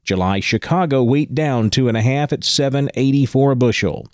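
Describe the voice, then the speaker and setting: A man's voice: medium pitch, moderate pace, no room sound, studio quality. A man reading a scripted agricultural market report as a radio news anchor. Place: dry studio.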